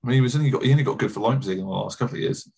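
A man's voice: medium pitch, very fast, gravelly, darkish tone, breathy edge. A man hosting a casual podcast, chatty and self-deprecating, laughing often. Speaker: podcast host.

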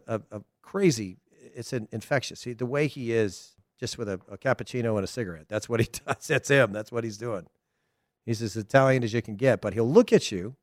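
Hosting his soccer podcast solo, a middle-aged man with a Southern American accent chats casually, animated and laughing often, with loose restarts. His voice is mid-range, and the recording is dry with studio quality.

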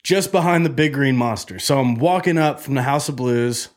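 A man in his twenties with a medium-pitched voice hosts a podcast, telling a long story at a moderate pace. It's casual chat, loose and joking, and he swears freely.

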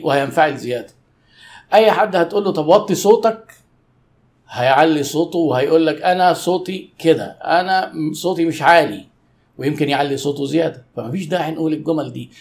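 A man with an Egyptian Arabic accent, a customer service trainer giving a lively educational talk to camera and acting out what customers and staff say. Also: a little high, gravelly.

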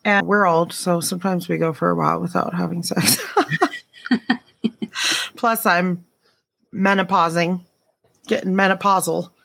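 A woman's voice: fairly low pitch, fairly even intonation, measured pace, gravelly, pauses often, fairly bright tone, no room sound. A woman in her fifties chatting casually and candidly, joking and laughing often. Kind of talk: casual chat.

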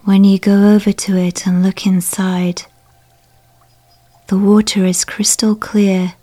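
A woman leads a guided relaxation in a soft, hushed voice that often sinks into a whisper. Her tone is mellow and warm, and she speaks slowly and unhurriedly. Her pitch barely moves, staying level and calm from phrase to phrase. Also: faint music behind. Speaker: meditation guide.

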